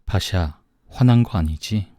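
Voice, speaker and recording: A man's voice: sits low, slow pace, no echo, clean studio sound. A man voicing an affectionate, teasing young male friend in an audiobook. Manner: playful, warm-hearted.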